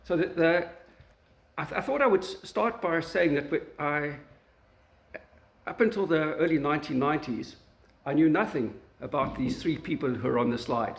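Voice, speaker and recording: A man from South Africa with a South African accent, giving an academic lecture in a university meeting room, halting often with fillers and restarts. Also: mid-range voice. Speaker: guest lecturer. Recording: echoey lecture room recording.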